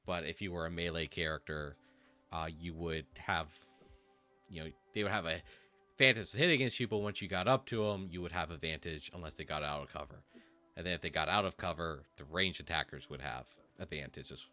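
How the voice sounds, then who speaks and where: A man runs a tabletop game in a loose, halting way, full of fillers. His voice is fairly low but bright and forward. Soft music plays behind him. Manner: casual, halting, with many fillers. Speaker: game master.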